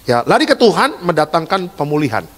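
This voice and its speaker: Casting: jokey male pastor, slightly high voice, echoing church hall. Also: very animated, brisk. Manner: jokey, swings from hushed asides to loud exhortation. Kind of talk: lively sermon.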